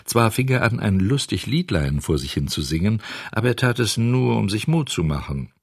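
A man reading a children's storybook aloud with expressive, animated narration. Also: lowish voice, normal speed, slightly rough, no room sound, studio quality.

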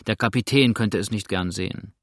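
A man's voice: fairly low pitch, fairly quick, no room sound, clean studio sound, natural voice. A man reading aloud as a grumbling, blunt old male boatswain in a storybook. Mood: gruff.

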